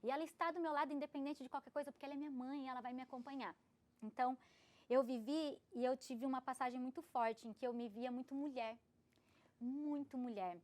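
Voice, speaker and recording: A woman in her thirties, a podcast guest, telling an emotional personal story in an animated, expressive way. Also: high voice, fairly quick. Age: 30s. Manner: animated, expressive, laughs often.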